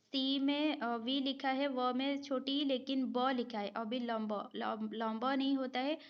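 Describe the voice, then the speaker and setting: A woman teacher takes students through an exam-prep spelling lesson with a high voice and an unhurried pace. She reads each answer option, repeats the correct word, and checks in before moving on. The recording sounds a little dull and lo-fi. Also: fairly even intonation, clear, resonant tone. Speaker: Hindi grammar teacher.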